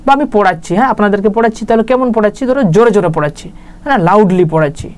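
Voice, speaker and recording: A woman's voice: mid-range voice, darkish tone. A woman teaching English grammar in a casual, chatty way, often checking that listeners follow along. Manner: chatty, with repeated "right?" check-ins. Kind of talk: casual spoken lesson.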